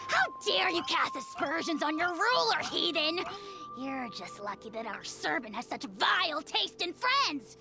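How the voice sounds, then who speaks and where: A woman's voice: sits high, big pitch swings, unhurried, gravelly, heavily acted. A woman voicing a pompous tiny male dragon lord in a video game, grandiose and imperious with cackling laughs. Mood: blustering. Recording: game audio with loud music.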